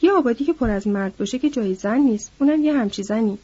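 A woman's voice: a little high, animated, dark tone, breathy edge. A woman voicing a wary male ranch worker who speaks tersely and bluntly, in a storybook reading. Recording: dull lo-fi audiobook recording.

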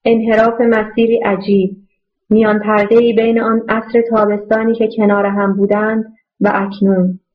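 A woman narrating a novel aloud in a steady, measured reading voice. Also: mid-range voice. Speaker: audiobook narrator. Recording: muffled lo-fi audio.

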